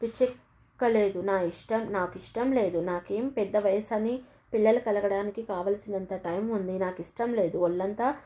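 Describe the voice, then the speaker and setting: A woman's voice: mid-range voice, steady tone, normal speed, lightly acted. A woman voicing a resentful, tearful young wife who speaks sharply and bitterly. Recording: dull lo-fi recording.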